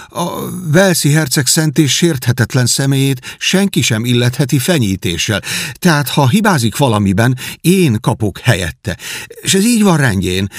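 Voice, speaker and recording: A man's voice: mid-range voice, no room sound, studio quality, pitched above the performer's own voice. A man voicing a humble, devoted young whipping boy who speaks in an earnest, imploring way.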